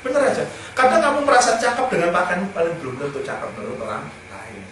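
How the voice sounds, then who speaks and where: A man's voice: sits high, huge pitch swings, fast talker, a bit bright. A man giving casual, humorous self-improvement advice, telling anecdotes and chuckling between points. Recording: very echoey room, speaker far from mic, faint noise.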